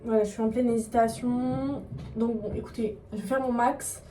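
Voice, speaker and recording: A young woman chats into her phone at home as she gets ready, rambling and poking fun at herself in slangy, casual talk. Her slightly high voice is soft and mellow. It sounds distant from the mic, in an echoey room with a faint hiss behind. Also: fairly even intonation, moderate pace. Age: young adult. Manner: chatty, rambling, self-mocking, slangy. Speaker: vlogger. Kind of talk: casual vlog chat.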